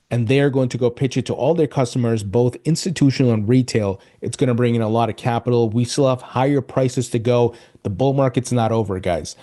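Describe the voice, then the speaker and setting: Upbeat mellow-voiced man hosting crypto news. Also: mid-range voice. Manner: upbeat, keeps addressing viewers as "guys". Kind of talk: casual commentary to camera.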